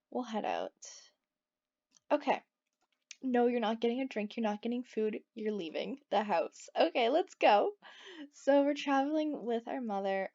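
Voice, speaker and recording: A woman talks her way through a life-sim game in a loose, rambling style, often stopping for asides to her viewers. Her voice sits a little high with a gravelly fry. The recording sounds dull and lo-fi. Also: warm tone. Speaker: let's play gamer. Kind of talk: casual gameplay commentary.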